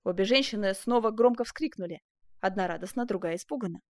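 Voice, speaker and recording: A woman's voice: mid-range voice, fast talker, darkish tone, no room sound. Woman narrating a period novel, dry. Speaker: audiobook narrator. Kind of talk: scripted literary narration.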